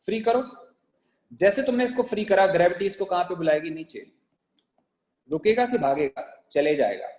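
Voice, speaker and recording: A man with a fairly high voice teaches a physics class. He keeps asking questions and answering them himself. He slows right down to dictate sentences for notes. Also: animated, a little mellow. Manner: mixes Hindi and English. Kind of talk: classroom lecture.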